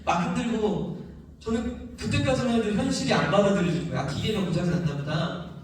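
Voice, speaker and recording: A man with a high voice gives an emotional sermon testimony, acting out voices and sounds as he tells the story. His voice rings around a very echoey church hall, heard from a distance with faint noise behind. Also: brisk. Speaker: preacher giving testimony. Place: church sanctuary.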